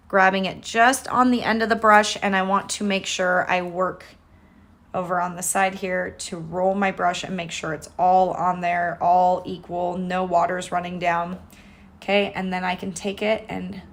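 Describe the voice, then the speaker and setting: Chatty woman doing a casual paint tutorial, encouraging, informal, medium pitch. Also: a bit bright. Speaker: painting instructor.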